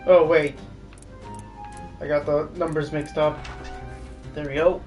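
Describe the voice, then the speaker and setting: Guy streaming a game, kinda high voice, rambly commentary, faint music behind. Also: level tone, slow pace, a little mellow. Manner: casual, rambling, with fillers. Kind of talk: live gameplay commentary. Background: game audio.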